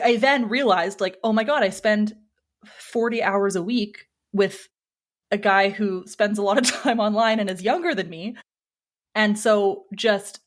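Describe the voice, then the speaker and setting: A woman in her thirties hosting a podcast, chatting casually and self-deprecatingly in a group conversation. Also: medium pitch. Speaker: podcast host.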